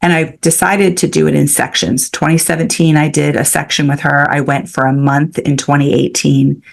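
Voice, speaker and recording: A woman in her sixties, a podcast guest, telling a personal story in an animated, chatty way with frequent restarts. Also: sits low, moderate pace, gravelly. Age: 60s. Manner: animated, with many restarts and fillers. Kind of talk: storytelling in a casual interview.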